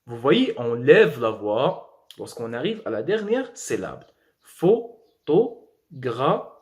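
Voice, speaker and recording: A young man with a Moroccan accent teaching a French lesson, spelling letters slowly and drilling words, with quick asides in Arabic. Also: medium pitch, big pitch swings, a little mellow.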